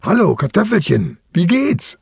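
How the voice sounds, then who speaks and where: A man's voice: high-pitched, very animated, measured pace, gravelly, breathy edge, no echo, clean studio sound, pitched above the performer's own voice, heavily acted. A man voicing a curious, enthusiastic young boy in a children's audio story. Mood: eager.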